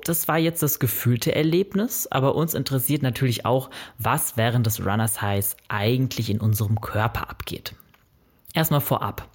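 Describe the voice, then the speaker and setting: A man's voice: mid-range voice, breathy edge. A man presenting a scripted explainer on running, speaking directly to the viewer in a friendly, informative way and working through numbered tips. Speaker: running vlogger.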